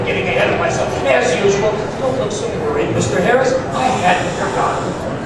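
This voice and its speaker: A man's voice: high-pitched, creaky. A man playing an elderly, jovial, rambling storyteller doctor in an old-time radio drama. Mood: chatty, flustered. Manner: rambling, hesitant, old-fashioned British gentlemanly phrasing. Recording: echoey hall from far off, audience noise.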